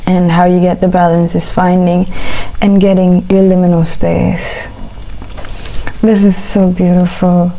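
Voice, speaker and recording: A woman chewing while talking, in a casual, reflective eat-with-me chat, speaking haltingly in short phrases. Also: on the low side, little pitch movement, dark tone, rough recording. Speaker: vlogger.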